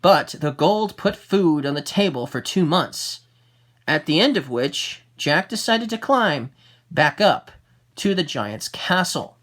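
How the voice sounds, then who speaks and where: A storyteller reading a fairy tale aloud, expressive, with the odd small slip and restart. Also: medium pitch, takes it slowly.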